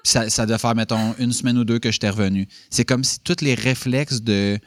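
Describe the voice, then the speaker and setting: A man's voice: mid-range voice, steady tone, fairly quick, no echo, clean studio sound. A man in his thirties with a Quebec French accent, chatting casually and rambling with many fillers and restarts. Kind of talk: casual conversation.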